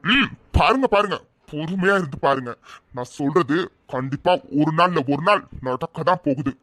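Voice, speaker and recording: A swaggering village man played by a man throws out a bold challenge. His voice is fairly high for a man and delivered with confident defiance. The sound is close and dry. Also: expressive, normal speed, bright, forceful tone, dry recording. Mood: defiant. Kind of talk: cartoon voice acting.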